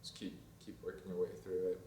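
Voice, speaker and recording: A young man, a fashion design student, chatting casually in a vlog, rambling and trailing off into quiet asides. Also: low-pitched, completely flat delivery, a little fast, recorded from a distance, slight background noise. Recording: roomy sound from off mic, faint ambience.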